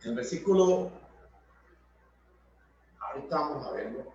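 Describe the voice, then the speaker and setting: A man teaches from scripture at an unhurried pace, rephrasing each idea again and again. His voice sits high. The recording is dull and distant, with heavy room echo. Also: animated, a little mellow, a little hiss or hum. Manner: explanatory, repeats and rephrases points. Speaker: preacher. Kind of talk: Bible study sermon. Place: church hall.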